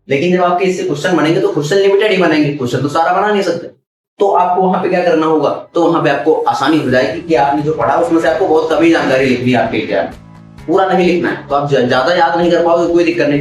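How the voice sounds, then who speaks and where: A man's voice: medium pitch, a little mellow. A man with a north Indian Hindi accent giving study advice as a teacher, instructive and repetitive, often checking that students follow. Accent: Hindi-speaking north India. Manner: fast, instructive, repeats points, checks with "ठीक है?". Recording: echoey room, distant mic, faint music.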